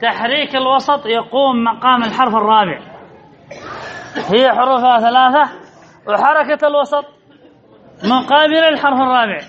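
High bright-voiced male grammar teacher. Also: moderate pace, long pauses. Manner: asks students questions and repeats answers. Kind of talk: classical text lesson, reading and explaining. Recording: slightly dull, faint background noise.

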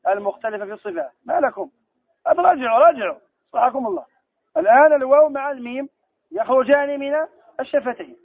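Man, high voice, tajweed teacher, quizzes students, dry tinny phone-like sound. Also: no room sound. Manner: quizzes students, asks then answers own questions; slow drawn-out recitation of verse examples. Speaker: Quran recitation teacher. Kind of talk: classroom lesson on tajweed rules.

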